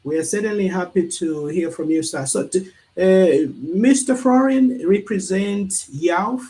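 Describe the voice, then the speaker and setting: A man's voice: high voice, unhurried, mellow, a little hiss or hum. A man hosting a virtual panel who introduces guests in an upbeat way and repeats short affirmations. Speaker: host, moderator. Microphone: video call.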